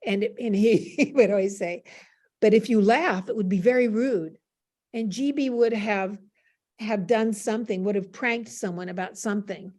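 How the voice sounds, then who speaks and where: An older woman, a professor type appearing as a panel guest on a video call, tells casual anecdotes in a chatty, self-deprecating way. Her voice is medium in pitch, a little mellow, and moves at a normal speed. She is in a classroom.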